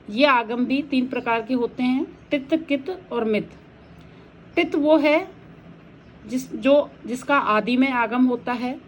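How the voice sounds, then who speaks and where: Slow, methodical woman teaching grammar. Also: fairly high pitch, slight background noise, rough recording. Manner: slow, methodical explanation of rules with examples. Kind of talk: recorded lecture.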